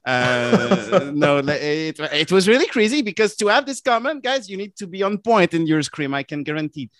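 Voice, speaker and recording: A man with a French Canadian accent, a native French speaker, chatting effusively on a podcast in halting non-native phrasing. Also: on the high side, sing-song, fairly bright tone, no room sound. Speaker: guest, competitive gamer and community organiser. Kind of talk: casual podcast chat.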